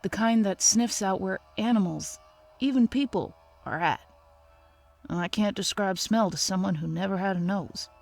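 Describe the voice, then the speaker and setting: A woman voicing an uneasy, earnest teenage son in a scary story, with halting, gravelly speech. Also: mid-range voice, a little mellow, faint music behind.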